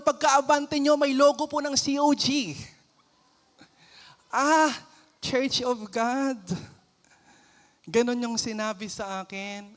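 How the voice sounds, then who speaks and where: A Filipino man preaching a lively church sermon, playful, acting out everyday scenes and mixing in English phrases. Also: extremely high pitch. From Philippines. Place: church sanctuary. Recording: long church hall reverb.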